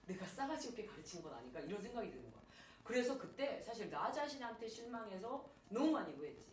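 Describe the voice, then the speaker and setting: A woman in her thirties teaching chemistry to high school students, mixing the lesson with a personal story and often asking questions that she answers herself. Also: a little mellow, slight background noise. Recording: echoey room, far from the mic, faint ambience.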